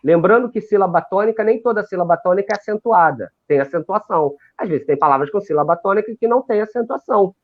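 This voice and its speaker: Man, deaf-education teacher, lively lecturing delivery, restarts often, tinny phone-like call sound. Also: high-pitched, fast, hardly any pauses. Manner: animated, lecturing, with frequent restarts. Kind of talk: explanatory talk in a live video call. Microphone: video call. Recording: tinny phone-like live stream audio.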